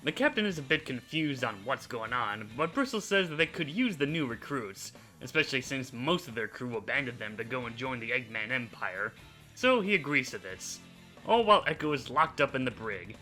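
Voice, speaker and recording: A man hosting a video, narrating a character recap in an animated storytelling manner. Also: medium pitch, moderate pace, faint music behind, low-quality recording. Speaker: host. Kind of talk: scripted narration.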